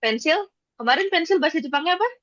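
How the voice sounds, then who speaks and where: A woman teaches a class at a patient pace, repeating each point and asking the students whether they follow. Her voice is bright and a little higher than most. The recording is dull, dry and lo-fi. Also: expressive, rapid-fire, no room sound. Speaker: Japanese teacher. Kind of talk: classroom lesson.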